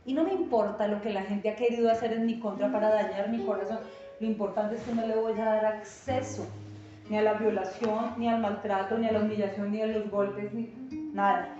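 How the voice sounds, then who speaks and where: A woman pastor preaches an earnest, emphatic sermon in a mid-range voice, fairly quick and fairly even in intonation, acting out quoted voices. The church recording is distant, echoey and dull, with guitar playing.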